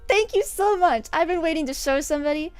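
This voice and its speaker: A young woman streamer chatting casually to her viewers, bubbly and excitable, often breaking into giggles. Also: high voice, fairly quick, dry recording, soft background music. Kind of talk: casual livestream chat.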